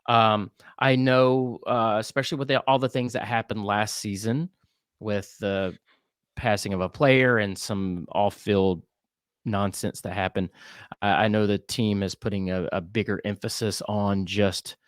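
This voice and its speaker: A podcast host with a fairly low, smooth voice chats casually at an unhurried pace and a steady tone. He talks earnestly and conversationally, with fillers and restarts, on a dry, studio-quality recording.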